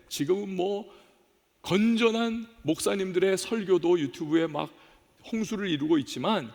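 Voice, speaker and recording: A male pastor preaching a sermon in a church, animated, climbing to emphatic peaks and then falling low. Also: gravelly. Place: church sanctuary. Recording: long church hall reverb.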